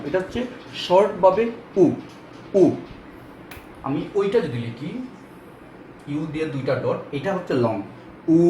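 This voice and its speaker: A man's voice: a little high, darkish tone, slight background noise. A man teaching English pronunciation in a casual spoken lesson, explaining step by step with frequent fillers. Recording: echoey room with faint ambience.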